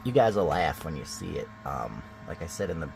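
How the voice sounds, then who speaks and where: A man's voice: low voice, big pitch swings, a little fast, vocal fry, music in the background, low-quality recording. A man vlogging from a boat on a river, talking in a rambling, chatty way with many fillers. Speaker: boating vlogger. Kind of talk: casual vlog narration.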